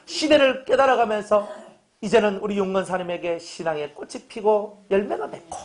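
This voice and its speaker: A man's voice: high-pitched, normal speed. A middle-aged male pastor preaching a humorous sermon, joking and acting out little dialogues with his congregation.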